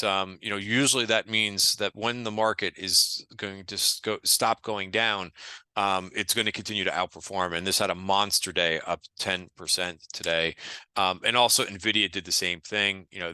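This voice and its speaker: A man's voice: sits low, pushed and bright, clean tone, no room sound. A man giving a casual daily stock market recap, joking dryly and talking with many fillers and restarts. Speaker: trading group market commentator.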